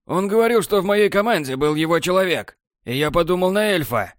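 A man voicing a shocked, desperate male stalker whose voice rises high and strained. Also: animated, moderate pace, clean tone, no room sound, studio quality. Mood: anguished. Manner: raised, strained, high-pitched outcries.

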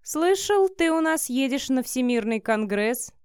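A woman's voice: high-pitched, lively intonation, unhurried, a little mellow, clear, resonant tone, no echo, studio quality, voice pushed up. A woman voicing a spiteful, jealous male coworker in an audiobook, with a sneering, hissing delivery.

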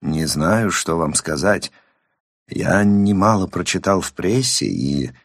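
A man's voice: deep voice, lively intonation, slow, gravelly, no echo, clean studio sound, full character voice. A man voicing a nervous, evasive middle-aged psychiatrist who answers in a guarded, hesitant way.

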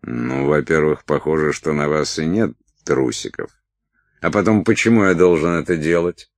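A male reader voicing a prudish, awkward man who shouts in indignation. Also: rumbling low, normal speed, dry recording. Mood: indignant. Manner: awkward, then shouting in outrage. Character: flustered, prudish man, easily outraged.

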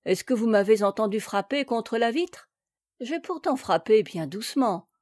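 A woman's voice: on the high side, lively intonation, moderate pace, darkish tone, dry recording, clean studio sound. A woman reader voicing a jealous, suspicious young man in a storybook. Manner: suspicious, accusing.

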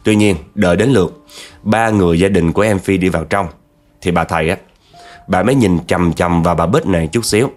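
A man's voice: low-pitched, a little fast, darkish tone, faint music behind. A man telling a spooky story in a chatty way, talking straight to his listeners. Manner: chatty, addresses listeners directly. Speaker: horror storyteller.

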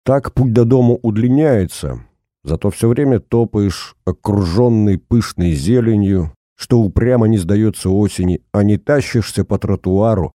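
A man narrating a first-person audiobook in a steady, measured storytelling manner. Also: fairly low pitch, no room sound, studio quality.

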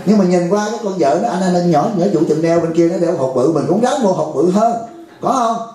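A man's voice: high voice, expressive, fairly quick, warm tone. A man giving a joking, conversational Buddhist dharma talk at a retreat, often asking the audience "right?". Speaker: Buddhist teacher. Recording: very echoey hall.

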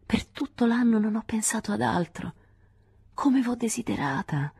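A woman's voice: on the high side, animated, normal speed, creaky, darkish tone, slightly rough, pitched above the performer's own voice, full character voice. A woman reading aloud a resentful, irritable man in an audiobook of a literary novel, giving his lines a curt, hostile edge. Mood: tender. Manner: curt and irritated, then suddenly tender. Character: resentful American man, the narrator's lover.

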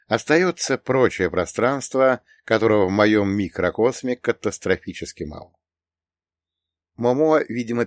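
Low-voiced man narrating an audiobook. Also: no echo, clean studio sound. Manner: wry, ironic storytelling. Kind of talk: scripted first-person narration.

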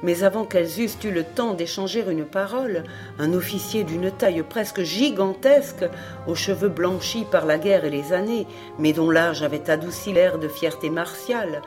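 A woman reading a classic adventure novel aloud as an audiobook narrator, with expressive storytelling. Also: lowish voice, moderate pace, music in the background. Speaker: audiobook reader.

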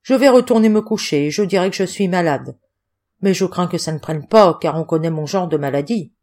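A woman voicing a hungover, grumbling middle-aged male roadman who whines and complains loudly in an audiobook. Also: fairly low pitch, a little fast, lightly acted. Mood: grumbling, complaining. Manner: whining, complaining, loud.

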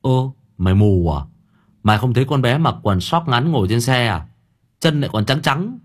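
A skittish young man, as a narrator puts him on, blunt and full of crude slang. The voice sits low and husky, rising and falling a lot. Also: lively intonation, moderate pace. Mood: insistent. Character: jumpy young man, easily spooked.

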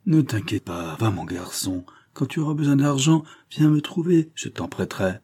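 A man's voice: medium pitch, expressive, moderate pace, warm tone, husky, voice pushed up. A man reading the lines of a generous, good-natured banker uncle in a reassuring, fatherly way.

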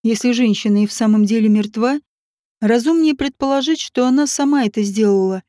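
A woman voicing a level-headed male guesthouse owner in an audiobook, speaking in a calm, reasoning, firm way. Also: on the high side, a little fast, no echo, clean studio sound, lightly acted.

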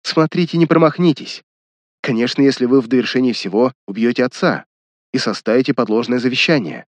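A man's voice: mid-range voice, brisk, no room sound, close to an everyday voice. A man voicing a young woman who defies her cruel brothers, indignant and pleading by turns. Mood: defiant.

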